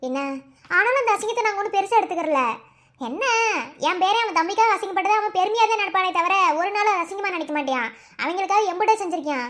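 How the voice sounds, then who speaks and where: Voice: extremely high pitch, fast talker, a bit bright. A voice actor playing a proud village elder in a cartoon, speaking emphatically with wounded pride in a Madurai Tamil accent. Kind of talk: cartoon voice acting.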